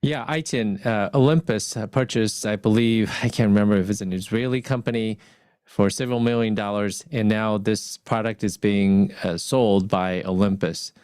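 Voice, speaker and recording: A man in casual technical chat as a urology co-host, pausing often with "uh", over a crackling microphone that cuts in and out. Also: on the low side, fairly even intonation, a little mellow, clean tone, no echo, clean studio sound. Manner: halting, with many "uh" pauses. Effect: crackling microphone cutting in and out.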